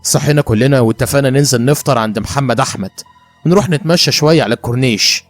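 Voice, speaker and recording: Fast-talking Egyptian male storyteller. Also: medium pitch, no room sound, faint music behind. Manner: brisk, conversational storytelling. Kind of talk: dramatized first-person story narration.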